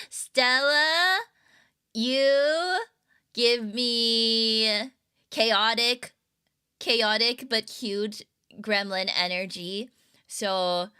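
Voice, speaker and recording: Her voice sits a little high and comes across smooth, bright, and forceful. The young streamer is casually chatting with viewers, meandering and giggling with lots of filler words.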